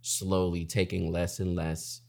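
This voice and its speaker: Lively, laughing guest in his thirties. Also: low voice, a little slow, creaky. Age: 30s. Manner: animated storyteller who laughs often. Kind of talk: casual interview conversation.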